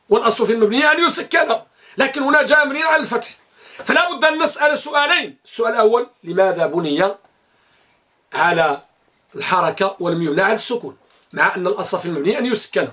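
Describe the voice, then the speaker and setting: A man's voice: extremely high pitch, sharp tone. A man teaching a classroom grammar lesson, asking questions and answering them himself, sometimes chanting verses.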